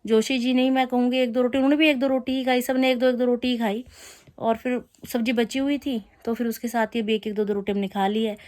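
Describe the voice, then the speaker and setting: A woman's voice: on the high side, steady tone, fast talker, darkish tone. A woman in her thirties chatting through a family vlog, telling the day's story with teasing complaints. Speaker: family vlogger. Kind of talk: casual vlog narration.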